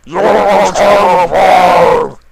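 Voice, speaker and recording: A man voicing an indignant shadow king stallion who rants in loud, forceful outbursts for a story reading. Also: high voice, fairly even intonation, drawn-out words, creaky, over a noisy crowd, voice pushed up, exaggerated voice, low-quality recording. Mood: furious.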